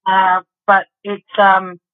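A rambling, chatty woman co-hosting a podcast, speaking at an ordinary middle pitch. She swears casually as she talks. The recording sounds a little dull and lo-fi. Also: completely flat delivery, takes it slowly. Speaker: podcast co-host. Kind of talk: casual chat.

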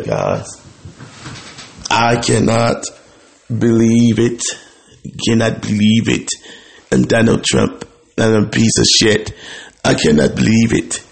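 Gravelly man with crunchy bitcrushed audio. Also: a bass voice. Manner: rambling, filler-heavy, many uh's and restarts. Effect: crunchy, bitcrushed-sounding voice audio. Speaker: show host. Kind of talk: casual morning chat.

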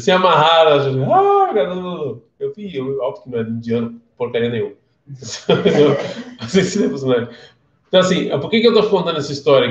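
A Brazilian man with a Brazilian Portuguese accent and a slightly high voice leads a casual live-streamed class, telling stories and quizzing his listeners in a chatty way. The recording is muffled and the room echoes.

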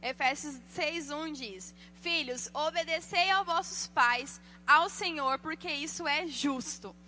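A woman giving a sermon on parenting, telling lively personal stories and acting out the voices of the people in them. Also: sits high, slow, a little hiss or hum. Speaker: church speaker.

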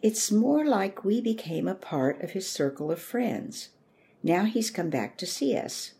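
A woman reading the lines of a kind, thoughtful father who is a country doctor, with a calm, measured delivery. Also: medium pitch, voice pushed up. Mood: gentle.

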